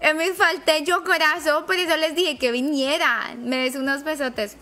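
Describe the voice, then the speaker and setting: A high, bright-voiced woman hosts a live stream, talking straight to her chat with excitable, jittery exclamations. Faint music plays underneath her. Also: normal speed.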